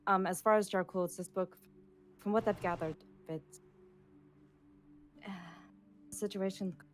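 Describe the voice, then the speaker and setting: A woman's voice: mid-range voice, fairly even intonation, a little slow, faint music behind. A woman playing a tabletop game over an online voice chat, talking hesitantly with many ums and restarts, while her audio keeps cutting out with choppy dropouts mid-word. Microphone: own computer mic over an online voice chat.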